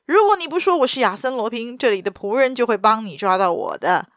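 A woman reads out a suave gentleman thief who mocks his rival in a quick, confident voice. The lines come through a dry, close recording with little room sound, and his voice sits only a little off from the reader's own. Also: on the high side, sing-song, dry recording. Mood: mocking. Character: mocking, suave gentleman thief, adult man.

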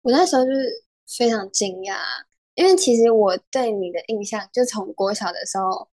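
A young woman, a podcast guest telling stories in a giggly, animated way. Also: medium pitch, normal speed. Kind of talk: casual chat.

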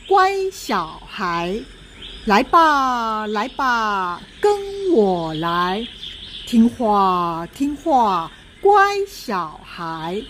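A smoky boy-doll spirit that chants in a low, slow sing-song to lure a child away, played by a woman reading aloud. Its chant drags and the pitch sways widely, with faint noise behind. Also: fairly bright tone.

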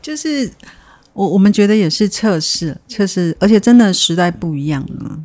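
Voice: mid-range voice, expressive, moderate pace, a little mellow. An adult who runs community childcare, speaking thoughtfully in an interview and often restarting phrases. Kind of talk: reflective interview talk.

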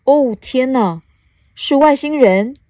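A woman playing a hushed, fussing little bug. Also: medium pitch, animated, slow pace, no echo. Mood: amazed. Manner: hushed, tutting warnings. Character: tiny fussing bug, worried and prim.

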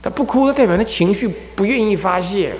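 A man from Taiwan, a Buddhist abbot, gives an animated dharma lecture and acts out scolding parents and crying children. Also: sits high, fairly quick, soft background music. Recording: echoey hall with long reverb.

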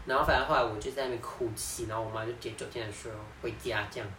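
A woman's voice: rumbling low, very fast. A young woman, telling a story in casual podcast chat with lots of laughter. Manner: animated storytelling, laughs often. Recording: echoey room, distant mic, background noise.

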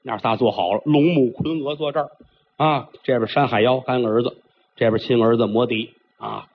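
A man's voice: medium pitch, fairly even intonation, moderate pace, slight background noise. A man performing traditional storytelling, theatrical and chatty, with frequent asides to the listener. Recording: dull lo-fi recording.

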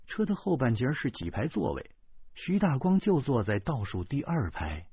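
A male storyteller reads a novel aloud in a lively, colloquial way. His husky voice leaps widely in pitch. The recording is dry and slightly dull. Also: normal speed, no room sound. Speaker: audiobook narrator. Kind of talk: storytelling narration.

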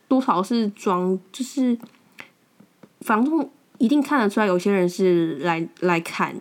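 A woman's voice: medium pitch, a little mellow. A young woman with a Taiwanese Mandarin accent, hosting a podcast and telling stories in a frank, blunt way, often repeating words as she restarts. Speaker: podcast host. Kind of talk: casual storytelling monologue.

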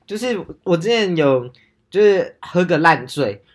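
A woman co-hosting a podcast, mostly reacting and asking questions in relaxed chat. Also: fairly low pitch, unhurried. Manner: reactive listener, short replies, asks questions. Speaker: podcast co-host. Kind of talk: casual chat.

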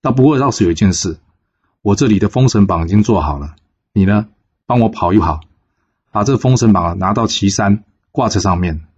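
A man's voice: on the low side, animated, brisk, darkish tone, breathy edge, dull audio. A man voicing an easygoing old male sage who gives breezy instructions, in a told folk story.

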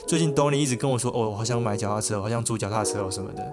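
Taiwanese accent guy talking fast, mid pitch, casual podcast banter w music under it. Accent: Taiwanese Mandarin. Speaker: podcast co-host. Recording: music playing behind the voice.

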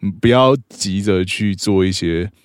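A man's voice: low voice, a little slow, clean tone, no room sound, clean studio sound. A man with a Taiwanese accent chatting casually, frank and advising in manner. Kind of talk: casual chat.

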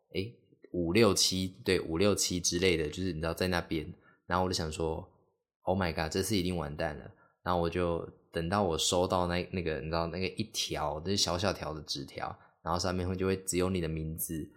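A young man hosts a solo podcast, telling stories in a rambling way, full of fillers and acted-out quotes. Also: deep voice. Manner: rambling, heavy on fillers, acts out quoted speech. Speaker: podcast host. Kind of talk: casual solo podcast storytelling.

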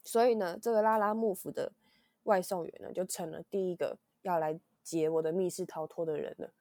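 A woman's voice: fairly low pitch, steady tone, brisk, a little mellow, dry recording, studio quality. A young woman with a Taiwanese Mandarin accent, a podcast host, tells a rambling story in a weak voice from illness, full of restarts. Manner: rambling, with many restarts, acting out quotes. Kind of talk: casual chat storytelling.

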